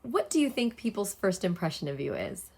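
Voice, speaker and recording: A woman's voice: mid-range voice, big pitch swings, fairly quick, gravelly, a little mellow, slightly rough. A woman hosting an interview, asking questions and reacting with encouragement. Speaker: interviewer host.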